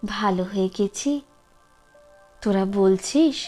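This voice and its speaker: A woman voicing an unwell elderly mother who lashes out with sharp, scornful outbursts in a storybook reading. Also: mid-range voice, animated, slow pace, soft background music. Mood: dazed. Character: unwell elderly mother, fierce, mocking, confused.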